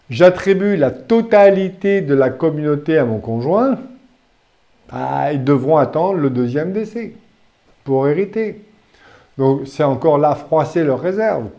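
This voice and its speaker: A male law lecturer with a fairly high but mellow voice, talking to his students in a recording studio. He keeps it lively with jokes and quick questions to the class. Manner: lively, joking, with rhetorical questions.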